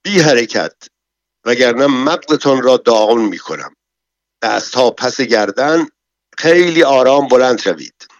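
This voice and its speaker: A man's voice: mid-range voice, expressive, no room sound, voice pushed up, lightly acted. A man playing a commanding old bank chief. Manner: loud, commanding. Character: older male bank chief, commanding and triumphant. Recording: dull, dry, lo-fi recording.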